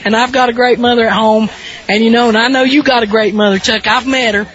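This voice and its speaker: A woman with a Southern American accent and a weak voice, giving folksy, conversational pregame softball commentary as a sports broadcaster. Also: on the high side, fairly even intonation, fast. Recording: dull lo-fi radio broadcast sound.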